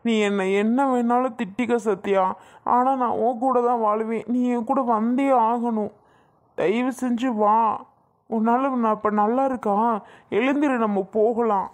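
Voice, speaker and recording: A woman's voice: fairly high pitch, steady tone, measured pace, darkish tone, natural voice. A woman voicing an insistent, pleading young man in a cartoon who begs his ex-girlfriend to take him back. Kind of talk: cartoon voice acting.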